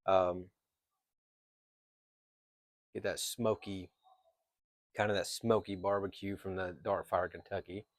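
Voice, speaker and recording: A man giving a casual, unscripted product review as a reviewer, pausing mid-thought and thinking aloud. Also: low voice, flat delivery, no room sound, clean studio sound. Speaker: pipe tobacco reviewer.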